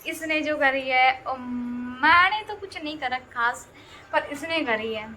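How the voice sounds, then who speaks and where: Young woman vlogging on her phone, high voice, lots of noise behind, chatty and teasing. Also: slow pace, sharp tone. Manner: chatty, laughs often, teasing. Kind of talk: casual vlog chat.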